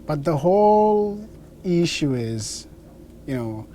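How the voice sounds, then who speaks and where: A young South Sudanese man with a Dinka accent works as a dialect coach, recalling experiences and coaching lines. His voice sits on the high side with big pitch swings, a slow pace and a dark tone. Background noise and ambience are clearly audible.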